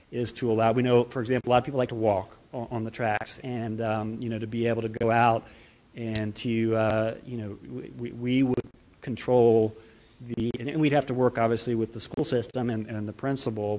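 A man answering an audience question at a town hall meeting, halting and repeating words, on a handheld mic in a meeting room. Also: mid-range voice, a little mellow. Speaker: county official answering questions. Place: meeting room with projector screen.

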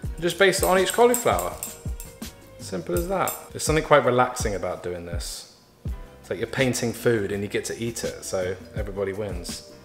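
A man's voice: lowish voice, lively intonation, brisk, gravelly. A man chatting casually as he cooks in his home kitchen, with playful asides and small jokes. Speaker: home cook, vlog regular. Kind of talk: casual cooking walkthrough. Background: background music.

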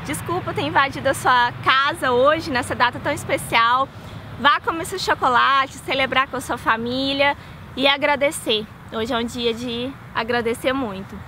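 A woman's voice: high-pitched, moderate pace, bright, forceful tone. A young adult woman with a Brazilian Portuguese accent, speaking as a vlogger outdoors to her viewers. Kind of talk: casual video message and poem reading. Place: outdoors in a park or garden. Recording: outdoor ambient noise with distant traffic.

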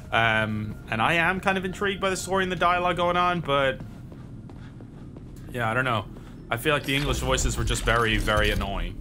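A man's voice: medium pitch, noisy background. A man giving casual, chatty commentary while playing a video game, thinking aloud and swearing now and then. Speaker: gameplay commentator. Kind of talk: casual let's-play commentary. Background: game sounds and music.

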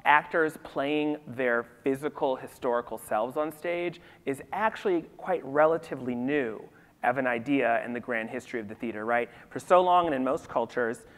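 A man speaking on a festival panel about theater, thinking aloud in an animated way with lots of "you know"s. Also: medium pitch, normal speed. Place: festival event hall. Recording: reverberant hall.

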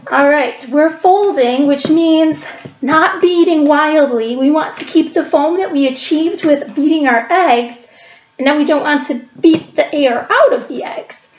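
Chatty high-voiced woman in echoey kitchen. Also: measured pace. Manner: chatty, explains each step aloud. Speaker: library cooking show host. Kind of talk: casual cooking demonstration. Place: home kitchen, indoors. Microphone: webcam across the counter. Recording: echoey kitchen, dull lo-fi webcam sound.

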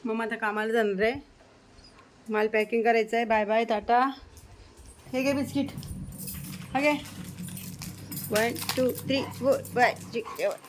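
A woman's voice: on the high side, flat delivery, measured pace, pauses often, slight background noise. A woman vlogging casually at home, showing things around the house and coaxing her pets in a sing-song baby-talk voice.

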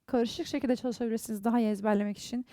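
A woman's voice: a little high, steady tone, very fast, dark tone, dry recording, studio quality. A woman with a Turkish accent teaching an online English lesson, carefully reading out example words one by one.

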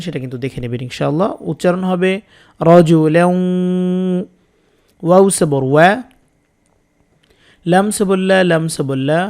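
Man spelling out Quran verses slowly. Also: a little high, vocal fry, a little mellow. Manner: slow, patient letter-by-letter spelling with drawn-out recited words. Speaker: Quran recitation teacher. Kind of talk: spelling-out recitation lesson.

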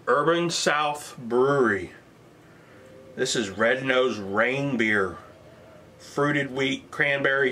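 A man's voice: mid-range voice, bright, forceful tone, a little hiss or hum. Plainspoken man reviewing beer. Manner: plainspoken, modest, thinks aloud. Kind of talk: casual product review vlog.

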